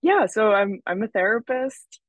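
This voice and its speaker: A woman's voice: mid-range voice, lively intonation, a little slow, dry recording. A woman from Russia, a therapist guest, chatting casually and laughing often. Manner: chatty, laughs often, lots of fillers and restarts. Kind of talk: casual interview.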